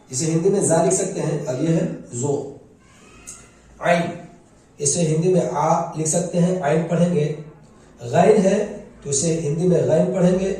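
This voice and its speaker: A man teaches the alphabet letter by letter, patient and repetitive, his voice somewhat high but dark and mellow. He sounds set back from the microphone. A strong echo fills the room around him. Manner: patient, repeats each letter name slowly. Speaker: Urdu teacher. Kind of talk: spoken alphabet lesson. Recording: echoey room, mic at a distance.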